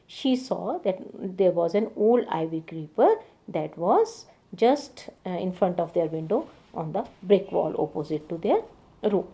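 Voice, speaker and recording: A woman's voice: fairly low pitch, sing-song, measured pace, mellow. A woman teacher reading a story aloud and then retelling each passage in simpler words, with frequent fillers.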